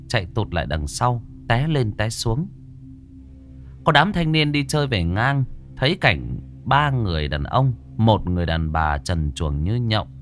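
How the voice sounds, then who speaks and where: A man narrating a scripted horror story in a dramatic, expressive way. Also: on the low side.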